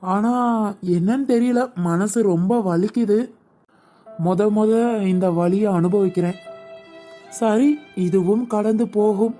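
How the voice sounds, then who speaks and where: A woman voicing a gentle, lovesick young man musing to himself in a cartoon. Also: mid-range voice, slow, long pauses, soft background music, close to an everyday voice. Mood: brooding. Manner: soft, brooding inner monologue. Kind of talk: cartoon comedy voice acting.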